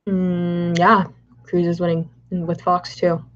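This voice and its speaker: A woman's voice: fairly low pitch, completely flat delivery, takes it slowly. A young woman with a Valley girl accent, chatting casually on a livestream and answering viewer questions with lots of fillers and restarts. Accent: Californian. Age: young adult. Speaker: livestream host. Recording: dull, lo-fi livestream audio.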